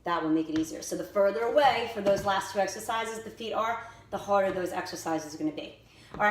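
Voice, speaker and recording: A woman fitness instructor giving directive, step-by-step workout instruction and exercise cues. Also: mid-range voice. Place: indoors by a staircase. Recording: echoey room with faint noise.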